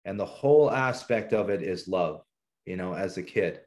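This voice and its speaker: Deep-voiced man telling his testimony. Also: lively intonation, moderate pace, darkish tone. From southern Ontario, Canada. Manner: earnest, reflective storytelling. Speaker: guest. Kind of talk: personal testimony in a podcast interview.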